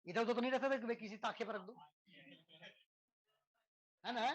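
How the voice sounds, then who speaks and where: A man's voice: very high-pitched, moderate pace, muffled recording. A man teaching a physics lesson to students in a conversational lecture style, constantly checking in with tag questions and using rhetorical questions and everyday examples. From India.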